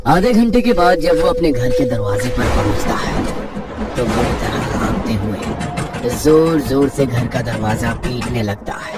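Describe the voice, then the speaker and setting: A man narrating a scripted horror story in a dramatic storytelling manner. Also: mid-range voice. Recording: distant mic with loud music.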